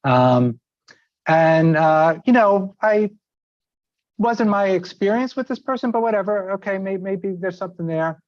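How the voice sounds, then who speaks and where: A middle-aged man from outside New York City gives an informal seminar talk full of anecdotes, his high voice animated and unhurried. He's chatty and conversational, with many fillers and restarts. The recording is dry and slightly dull, with no room sound.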